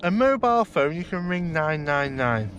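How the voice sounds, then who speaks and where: On a boat outdoors, with clear water and boat noise in the background, a male vlogger with a notably high voice talks casually to the camera. He's enthusiastic and explains things, his pitch swinging widely at normal speed with a slightly bright tone.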